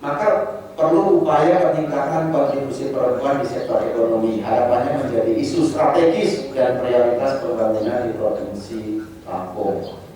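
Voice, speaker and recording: A man's voice: medium pitch, moderate pace, dark tone. A man moderating a public consultation forum, reading out chat questions with many hesitant fillers. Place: meeting room, heard from a distance. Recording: distant echoey room mic with faint noise.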